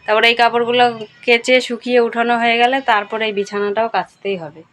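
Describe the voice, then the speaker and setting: A young woman vlogger chatting casually through a home voice-over, speaking softly and often checking in with her viewers. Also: fairly high pitch, flat delivery, quick pace. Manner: speaks softly late at night. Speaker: daily-life vlogger.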